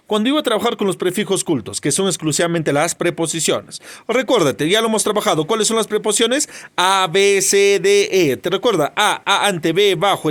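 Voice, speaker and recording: A man teaching a grammar lesson, asking questions and answering them himself, and spelling letters out slowly. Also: high voice, fairly bright tone.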